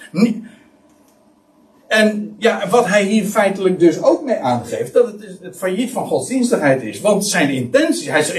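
A man preaching a Bible-teaching sermon, emphatic and full of restarts. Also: high voice. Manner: animated, emphatic, many restarts. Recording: voice somewhat far from mic.

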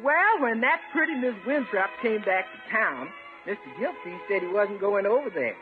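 A sassy, gossipy woman of the house played by an actress in a 1950s radio comedy. She talks in a droll, folksy way with huge swings of pitch, on a narrow-band recording with faint music. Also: sing-song, normal speed, natural voice. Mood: droll, teasing.

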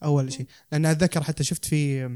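Rapid Saudi man with a slightly high voice. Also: fairly even intonation, warm tone. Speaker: host. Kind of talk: casual chat interview.

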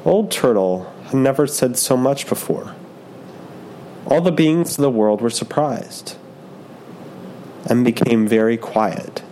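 A man slowly reading a picture book aloud in a gentle, unhurried way. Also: mid-range voice, animated, slight background noise, rough recording. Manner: gentle, unhurried, soft delivery. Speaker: storyteller.

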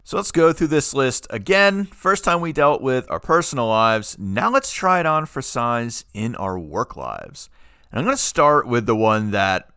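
A man's voice: medium pitch, sing-song, a little slow, bright, forceful tone, clear, resonant tone, no room sound, clean studio sound. A man hosting a podcast in casual chat, joking and teasing his co-host.

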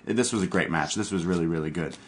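A man with a fairly low voice hosts a wrestling talk show. He commentates casually, walking through the action move by move with a fan's enthusiasm. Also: quick pace. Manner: enthusiastic fan-like play-by-play retelling. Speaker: podcast host recapping wrestling.

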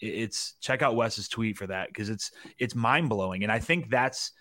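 A man giving analysis on a casual sports podcast, animated, with quick asides. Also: lowish voice, no echo, studio quality.

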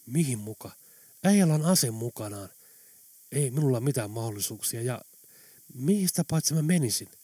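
A man's voice: medium pitch, lively intonation, pauses often, mellow, slightly rough, no echo. A man voicing an anxious young female captive who speaks in a worried, doubtful way.

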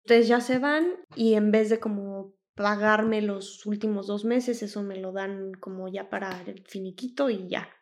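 A woman's voice: medium pitch, level tone, unhurried, few pauses, darkish tone. A young adult woman, co-hosting a podcast and telling a story in casual chat, quoting others and laughing often. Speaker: podcast co-host.

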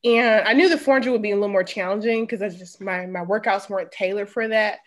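A woman's voice: medium pitch, steady tone, fast. A woman with a Southern Mississippi accent tells personal stories in a casual, conversational interview, with emphatic asides. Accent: Mississippi Southern American. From Mississippi, United States. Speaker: interview guest, former sprinter.

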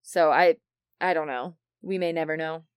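A woman's voice: deep voice, normal speed, clean tone, dry recording, clean studio sound. A woman co-hosting a casual podcast chat about a film, rambling and trailing off as she thinks aloud. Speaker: podcast co-host.

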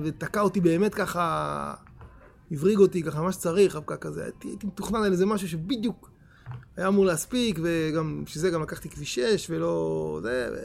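Man, rabbi, Torah lesson, high voice, gravelly, emphatic, questions the audience. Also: a little hiss or hum. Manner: animated, emphatic, questions the listeners directly. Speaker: rabbi teaching a class.

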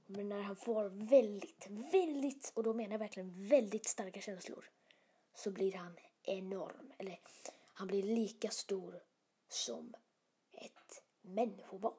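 A woman telling an improvised bedtime story in a soft, often whispered voice, casual and hesitant with many fillers and restarts. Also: mid-range voice, slightly rough.

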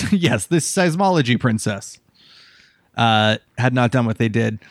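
A man with a mid-pitched voice improvises comedy scenarios with lively energy. His sound is close and dry. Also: unhurried, dry recording. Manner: animated, jumps into quoted voices.

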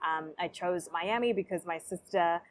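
A young woman answers questions on a podcast. Her voice sits a little low, and she speaks in a relaxed, reflective way, with easy fillers as she thinks. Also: moderate pace. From South Africa. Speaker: podcast guest. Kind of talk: casual interview conversation.

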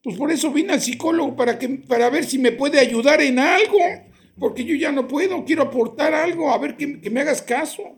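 A man's voice: very high voice, fairly quick, faint music behind. An older man playing a flustered patient in a comic sketch, stammering and repeating himself as he complains about his wife. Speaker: patient with marriage troubles.

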